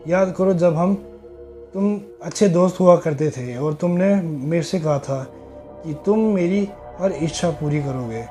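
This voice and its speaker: A sorrowful young ghost woman , voiced by a male storyteller, speaks softly and pleadingly in a spoken horror tale. The voice sits fairly high yet sounds mellow and warm, with faint music underneath. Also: lightly acted.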